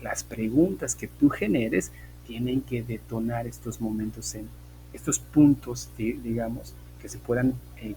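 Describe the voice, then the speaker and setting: A man's voice: medium pitch, darkish tone, rough recording. A male English teacher, giving an online class and explaining grammar step by step, checking in with frequent "ok?". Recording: faint background hum.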